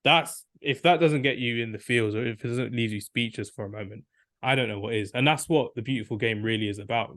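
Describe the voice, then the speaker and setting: A man's voice: mid-range voice, no echo, clean studio sound. A young man co-hosting a football podcast, rambling enthusiastically and acting out quotes. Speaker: podcast co-host. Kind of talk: casual football debate.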